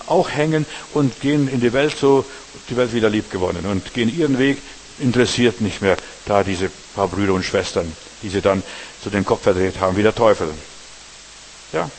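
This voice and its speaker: A man preaching a sermon, emphatic, speaking straight to the congregation and swinging between loud stresses and quiet asides. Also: mid-range voice, a little hiss or hum, poor audio. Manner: emphatic, talks straight to the congregation with repeated tag questions.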